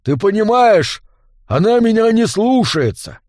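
Brief: a man playing a boozy bearded barkeep, raised pitch, loud and rambling, storybook reading. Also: very animated, moderate pace, dry recording, clean studio sound. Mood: complaining. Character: drunk bearded male tavern keeper, boastful and sly. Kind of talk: audiobook character voice.

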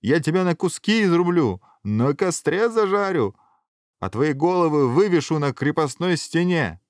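A man voicing a brash young knight hero who is boastful but cowardly, shouting challenges. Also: on the low side, expressive, moderate pace, no room sound, studio quality, natural voice. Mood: blustering.

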